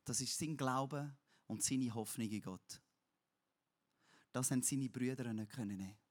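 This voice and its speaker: A man preaching a sermon, swinging between loud emphatic cries and low, quiet passages, with some blunt everyday words. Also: measured pace. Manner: uses crude everyday words.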